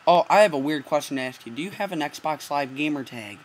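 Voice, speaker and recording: Here a teenage male prank caller speaks briskly in a fairly high, expressive voice while keeping his delivery earnest and deadpan. It's a casual call recorded on a close laptop mic, noisy throughout.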